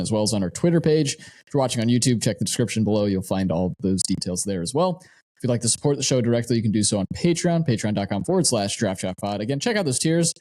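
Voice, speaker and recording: An easygoing man co-hosts a podcast at a mid-range pitch. He speaks earnestly and plainly, pausing on small fillers as he reads through show announcements. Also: a little mellow. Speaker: podcast co-host. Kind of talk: casual podcast chat and outro.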